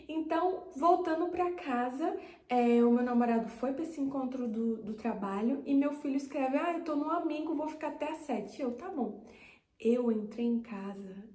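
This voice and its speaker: Earnest Brazilian woman, high voice. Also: dark tone. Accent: Brazilian Portuguese. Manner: earnest, heartfelt storytelling. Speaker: faith vlogger. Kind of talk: personal faith testimony. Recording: roomy echo.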